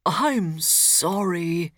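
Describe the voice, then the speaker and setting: A woman voicing a kindly old grandfather in a storybook read for learners, gentle and calm. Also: fairly low pitch, very slow, dry recording, clean studio sound, full character voice.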